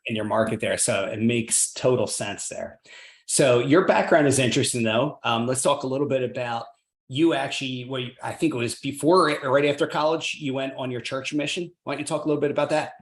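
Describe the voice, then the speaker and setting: A real estate investor hosts a podcast interview, his mid-range voice moving a little fast. He sounds upbeat and encouraging and frequently adds "right?" to the end of sentences.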